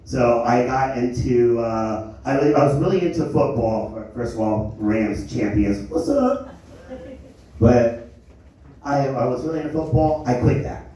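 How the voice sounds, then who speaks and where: Young man, from Germany, stand-up comic, rambling and self-deprecating, mellow tone, distant mic, echoey club. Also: medium pitch, a little slow. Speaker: stand-up comedian. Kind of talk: live stand-up comedy. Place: comedy lounge stage.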